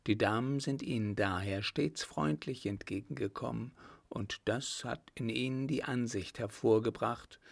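A man's voice: medium pitch, vocal fry. A man reading an audiobook, voicing a teasing, composed young noblewoman in a raised, playful voice. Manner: lightly mocking, playful.

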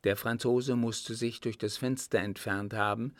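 A man reading a classic novel aloud as an audiobook narrator, steady and unhurried. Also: mid-range voice, no room sound, clean studio sound. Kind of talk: scripted narration.

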